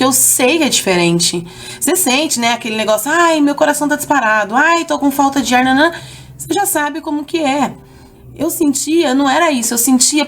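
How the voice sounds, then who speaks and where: Young brazilian woman vlogging, talks fast and lively, kinda high voice, faint hiss behind. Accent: Brazilian Portuguese. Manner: animated, acts out quoted lines with raised pitch. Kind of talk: casual storytelling to viewers.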